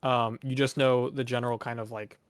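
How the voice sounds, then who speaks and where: A man's voice: medium pitch, little pitch movement, smooth, no room sound, studio quality. Casual man running a tabletop game. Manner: halting, informal. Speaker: game master.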